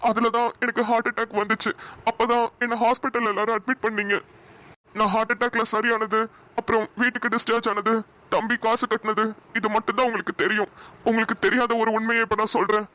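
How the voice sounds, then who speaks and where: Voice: mid-range voice, pushed and bright, close to an everyday voice. A performer voicing a grateful old father. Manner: earnest, pleading speech. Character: humble older father, grateful and emotional. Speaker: bride's father. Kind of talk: cartoon voice acting.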